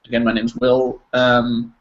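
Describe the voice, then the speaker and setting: Over a dull, noisy video call, an American man from the United States leads a casual online English group class. His mid-range voice is monotone and unhurried, yet his teaching stays encouraging and informal.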